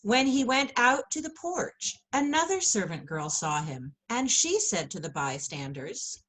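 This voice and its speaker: A woman's voice: fairly high pitch, big pitch swings, measured pace, fairly bright tone. A woman narrating a scripture passage as a lay church reader.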